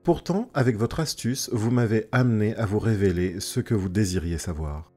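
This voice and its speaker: A man's voice: fairly low pitch, normal speed, dark tone, husky, faint music behind. A man voicing a clever young woman reading out her letter in a composed manner.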